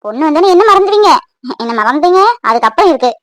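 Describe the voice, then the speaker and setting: A woman's voice: high voice, lively intonation, fast, no room sound. Woman voicing a pleading young mother. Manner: pleading, soft and emotional. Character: young married mother, tender and worried.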